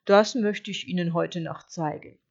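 A woman voicing a sly, hungry male wolf who talks slowly in a deep, lisping, overly polite voice for a storybook reading. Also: steady tone, gravelly, a little mellow, dull audio. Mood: suave. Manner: slow, suave, mock-courteous.

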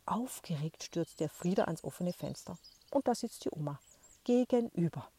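A woman reading a children's story aloud, in a gentle, lively storybook manner. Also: on the low side, normal speed, slightly rough.

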